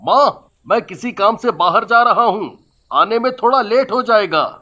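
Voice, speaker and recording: A man's voice: high-pitched, animated, unhurried, pushed and bright, full character voice. Man playing a bossy young husband, lo-fi. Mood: curt. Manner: curt, bossy. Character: rude demanding young husband. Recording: dull lo-fi recording.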